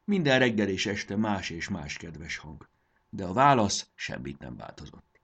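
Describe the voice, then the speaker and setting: A man's voice: deep voice, big pitch swings, fairly bright tone, breathy edge, lo-fi sound. A man narrating a children's storybook expressively, voicing the characters.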